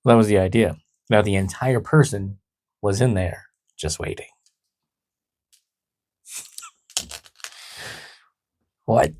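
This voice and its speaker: A man's voice: fairly low pitch, takes it slowly, pauses often, darkish tone, dry recording, studio quality. A man co-hosting a casual podcast, explaining the topic with laughs and playful jokes. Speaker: podcast co-host.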